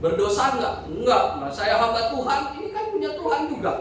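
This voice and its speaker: A pastor preaching a sermon in a church, joking and asking the congregation questions. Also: male voice, very high voice, very animated, brisk, background noise. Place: church hall. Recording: very echoey hall, from a distance.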